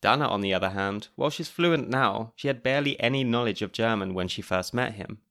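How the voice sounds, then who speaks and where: This British man hosts a podcast, delivering its scripted parts in a chatty, wry manner. He talks a little fast in a lowish, slightly bright voice.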